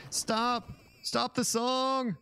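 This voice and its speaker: A man's voice: very high-pitched, level tone, extremely slow, gravelly, bright, forceful tone, clear, resonant tone, faint music behind, pitched above the performer's own voice, heavily acted. A man voicing a pompous, scornful evil alien in a grandiose villain monologue, reading game dialogue in character. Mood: desperate.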